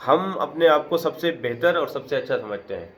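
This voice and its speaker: An earnest man gives a verse-by-verse scripture lesson, reciting a phrase and then unpacking it slowly in everyday speech. His voice sits at an ordinary middle pitch, and a faint hiss of noise runs behind him. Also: expressive, a bit bright. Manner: recites Arabic phrases then explains them in plain conversational Urdu; repetitive, earnest, preacher-like emphasis. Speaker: Quran teacher. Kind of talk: verse-by-verse Quran explanation.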